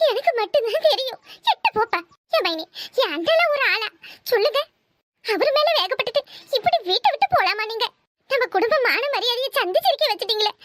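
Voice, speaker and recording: A woman's voice: extremely high pitch, fairly bright tone, no echo, clean studio sound. A woman voicing a scheming, bossy young married woman in a cartoon, talking with a Kanyakumari Tamil accent. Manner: bossy, scolding, fast chatter. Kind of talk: cartoon voice acting.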